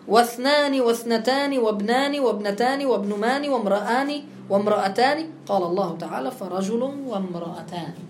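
A woman teaching a grammar lesson. She keeps checking understanding with quick questions and affirmations. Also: fairly high pitch, echoey room, a little hiss or hum.

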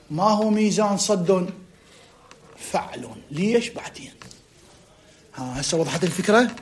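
A man with an Iraqi Arabic accent teaching a classroom lesson, dictating slowly with drawn-out words and quizzing his students. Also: high voice, a little hiss or hum.

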